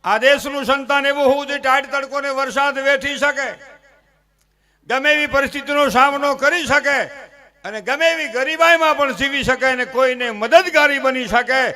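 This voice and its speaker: A man tells comic folk stories to a live audience and turns them into earnest appeals. His voice sits high and rings bright and forceful. He moves between playful jokes and exhortation. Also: fairly even intonation, normal speed. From Gujarat, India. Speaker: folk humorist performer.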